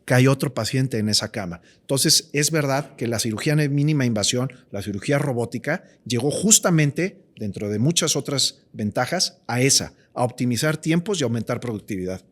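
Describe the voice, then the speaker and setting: A man's voice: mid-range voice, animated, fairly quick, hardly any pauses. Man, Mexican Spanish accent, physician guest, emphatic, repeats words, podcast chat. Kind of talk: casual podcast conversation.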